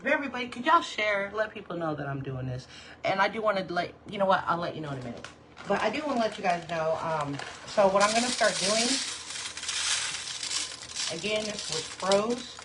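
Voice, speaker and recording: A woman's voice: medium pitch, lively intonation, a little fast, background noise. A woman hosting a casual live cooking stream from her home kitchen, talking to viewers as y'all, a bit hot and out of breath. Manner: chatty, addresses viewers as y'all. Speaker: cooking livestream host. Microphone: phone livestream.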